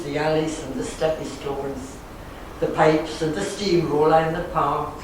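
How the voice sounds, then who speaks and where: Amateur male reciter, Northumbrian accent, homely rhymed verse; distant, reverberant hall recording with background noise. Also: fairly high pitch. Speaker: amateur performer at a dialect gathering. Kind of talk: reciting a nostalgic dialect poem. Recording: echoey hall, far from mic, background noise.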